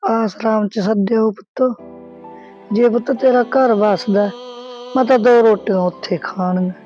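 An older woman playing a gentle, self-sacrificing old mother who speaks slowly and softly, soothing her son. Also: fairly high pitch, steady tone, muffled recording, soft background music, close to an everyday voice. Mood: soothing, resigned. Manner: slow, soft-spoken, soothing.

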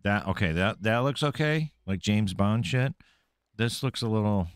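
Animated, low-voiced man taunting game enemies. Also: moderate pace, clean tone, dry recording, clean studio sound. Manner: swears freely, taunts enemies, animated outbursts. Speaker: streamer. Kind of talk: live gameplay commentary.

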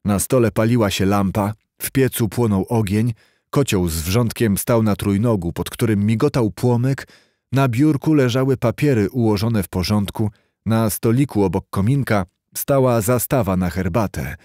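Male audiobook narrator, measured delivery, dry close sound. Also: lowish voice, dark tone, no room sound. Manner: measured, storytelling. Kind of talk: scripted literary narration.

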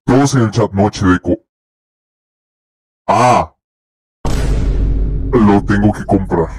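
A man's voice: on the low side, slow pace, darkish tone, a little hiss or hum. A young man, chatting casually on a live stream, rambling, swearing and reacting to chat. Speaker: livestreamer. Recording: faint music behind.

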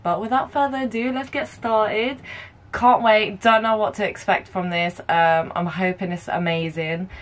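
Excitable young woman gushing in a reaction. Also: lowish voice. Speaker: reaction vlogger. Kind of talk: casual music video reaction.

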